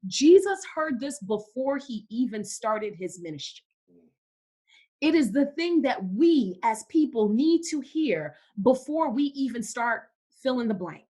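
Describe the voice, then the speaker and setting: A woman's voice: a little high, big pitch swings, unhurried, darkish tone, husky. A young woman from Cameroon, a podcast guest in casual faith-based conversation, who speaks emphatically and repeats words for stress.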